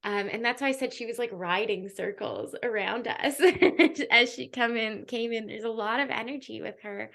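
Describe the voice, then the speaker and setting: Young woman doing a spiritual reading, talks casually with lots of ums and little laughs, goes quiet and soft a lot. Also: on the high side, moderate pace, vocal fry. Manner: chatty, with many fillers and soft laughs; drops to a soft, hushed voice while reading. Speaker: spiritual guidance reader and podcast host. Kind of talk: casual podcast chat and intuitive reading.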